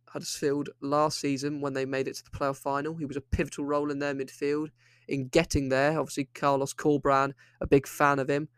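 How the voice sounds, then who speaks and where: A man's voice: a little high, smooth, no echo, clean studio sound. A young man hosting a solo football podcast, opinionated and rambling, often restarting his sentences. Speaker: podcast host.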